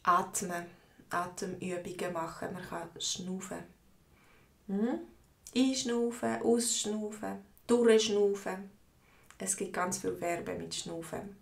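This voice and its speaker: A woman with a Swiss accent, teaching a live online language lesson, explaining words slowly and answering viewers' comments. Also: mid-range voice, creaky, reverberant. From Switzerland. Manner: slow, explanatory, repeats words for learners.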